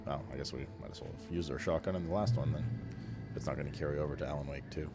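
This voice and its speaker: A man with an extremely deep voice tosses out relaxed, offhand asides while playing a game. Game music sits clearly behind his voice. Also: very fast. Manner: laid-back, offhand asides. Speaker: let's play host. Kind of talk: casual gameplay commentary.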